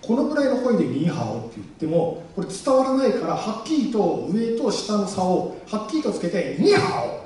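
Man, rally speaker, quick and lively with a raised pitch, heard from a distant mic in a booming hall. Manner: animated, jokey, acts out quoted voices. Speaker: guest speaker at a campaign rally. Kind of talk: public speech to a live audience. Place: large public hall. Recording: echoey hall, mic far off.

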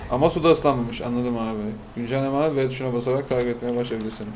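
A young man casually commenting while playing a video game, with loud excited outbursts and shrieks. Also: medium pitch, rapid-fire, noisy background. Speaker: gaming streamer. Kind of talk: casual let's-play commentary.

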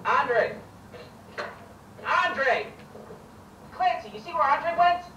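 A cocky, cursing TV host. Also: male voice, very high voice, lively intonation, drawn-out words, bright, forceful tone, reverberant, far from the mic, slight background noise, full character voice, rough recording. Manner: cocky, profane, bossy. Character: brash foul-mouthed male TV show host. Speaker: game character.

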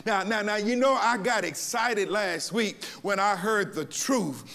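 A man's voice: sits high, a little slow, gravelly, bright, forceful tone, soft background music. A older man preaching a sermon as pastor, sliding into a sung, whooping cadence and calling out to the congregation.

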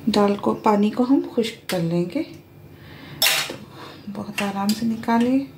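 A woman hosting a home cooking tutorial, calmly explaining each step as she goes. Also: mid-range voice, slow, background noise. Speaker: cooking channel host. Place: home kitchen.

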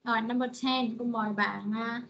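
A woman leads an online English pronunciation lesson. She repeats each phrase several times and calls students up by name. Her voice sits a little high, and the call audio sounds slightly muffled. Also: steady tone, normal speed, gravelly, fairly bright tone. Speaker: English teacher.

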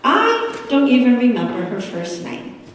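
A woman preacher with a Puerto Rican accent delivers a sermon in a high, lively voice that rises and falls. She speaks at an unhurried pace. The voice comes from a distance and echoes around a large sanctuary. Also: a little hiss or hum. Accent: Puerto Rican Spanish. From United States. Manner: expressive, gesturing at a pulpit. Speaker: pastor. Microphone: room mic from a distance.

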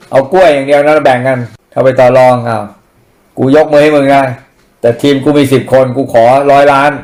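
Blunt, profane man ranting. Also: fairly high pitch. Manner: blunt, profane, mocking, uses crude slang. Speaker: political commentary host. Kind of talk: casual ranting commentary.

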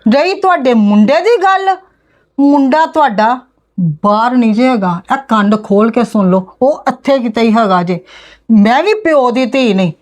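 A woman's voice: high-pitched, lively intonation, moderate pace. A woman with a Punjabi accent playing a stern middle-aged aunt who scolds and threatens her niece's in-laws in a family drama. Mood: threatening. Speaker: bride's maternal aunt confronting in-laws. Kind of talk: amateur family drama acting.

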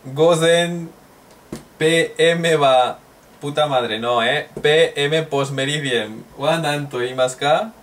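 A man teaching a recorded language lesson, drilling phrases slowly and joking as he goes. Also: fairly high pitch, fairly bright tone. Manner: slow, repeats drill phrases, jokes and laughs. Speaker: Japanese teacher. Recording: distant mic with faint noise.

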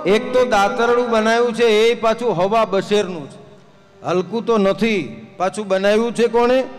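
A man's voice: high voice, normal speed, music in the background. A man telling humorous folk stories on a live stage, chatty and anecdotal, slipping into folk song. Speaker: folk storyteller and singer. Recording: live stage with long reverb and faint instruments.

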